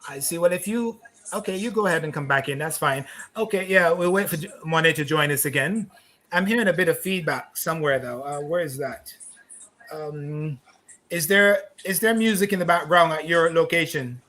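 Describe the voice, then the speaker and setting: Middle-aged man from Barbados, host, courteous, talkative, fairly high voice, bright tone. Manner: courteous, talkative, halting at the guest's name. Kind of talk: casual video-call chat.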